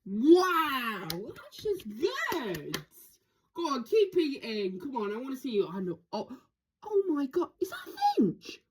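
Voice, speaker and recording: A woman filming birds through a window at home, giving casual, excitable commentary full of gasps and exclamations. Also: sits high, takes it slowly. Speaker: birdwatcher filming her garden.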